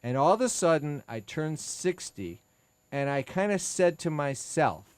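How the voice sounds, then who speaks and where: Chatty and self-deprecating, a sixty-something attorney hosts a legal talk radio show from a radio studio, frequently breaking off to restart a sentence. His smooth, slightly high voice has a sing-song, unhurried lilt, recorded on a studio mic with no echo.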